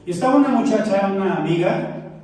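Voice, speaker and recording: A middle-aged Mexican pastor preaches with a high, mellow voice, weaving humorous stories into his sermon. He sounds distant from the microphone, his words ringing through a big echoey church hall with a faint hiss underneath. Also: expressive, fairly quick. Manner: storytelling, humorous asides to the congregation. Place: church sanctuary.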